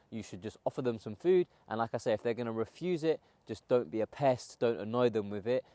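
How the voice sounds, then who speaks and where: A man working as a dog trainer, explaining his method to the camera in a calm, steady way and repeating the key points. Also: fairly low pitch. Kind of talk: instructional talk to camera.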